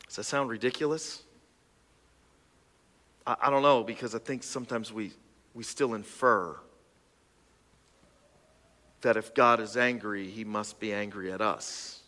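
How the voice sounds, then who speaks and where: A man in his thirties preaching a casual sermon, joking and restarting, then building to loud emphatic passages. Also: lowish voice, fairly even intonation, measured pace, long pauses. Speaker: pastor. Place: church auditorium. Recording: long hall reverb.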